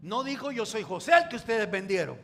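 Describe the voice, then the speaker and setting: A man preaching a sermon in short phrases, waiting for an interpreter, drawing some words out slowly for emphasis and dropping to a hush at times. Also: high voice, very animated, vocal fry, soft background music. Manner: stretches words slowly for emphasis, swings from loud to hushed. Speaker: pastor.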